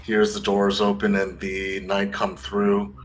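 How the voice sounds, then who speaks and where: A man's voice: lowish voice, completely flat delivery, slow pace, a little hiss or hum, rough recording. A man playing a tabletop role-playing game, narrating his character and speaking earnestly in character. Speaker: player.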